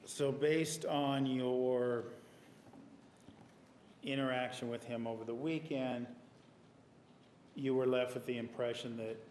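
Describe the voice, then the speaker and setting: Male trial lawyer, mid-pitched, measured questioning, echoey courtroom recording with faint hiss. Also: a little mellow. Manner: measured, deliberate questioning with pauses. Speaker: trial attorney.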